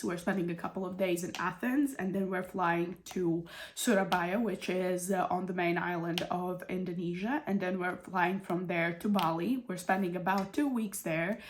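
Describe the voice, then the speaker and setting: Her nose stuffed up from a cold, a European budgeting channel host speaks casually to her viewers in an explanatory vlog, with a runny nose as well. The fairly low, congested, nasal voice comes with a little hiss or hum.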